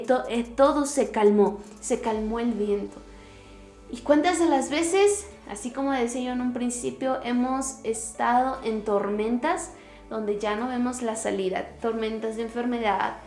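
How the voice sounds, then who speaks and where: A woman hosting a devotional podcast, teaching and retelling a Bible story in an earnest, emphatic way with pauses and restarts. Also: on the high side, a little mellow. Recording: roomy echo with faint music.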